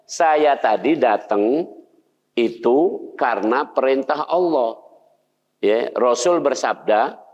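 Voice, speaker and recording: A man's voice: mid-range voice, a little mellow. An older male preacher, giving a conversational sermon and putting questions to his listeners. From Indonesia. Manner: conversational, asks the audience questions. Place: mosque hall. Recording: dull sound in a long-reverb hall.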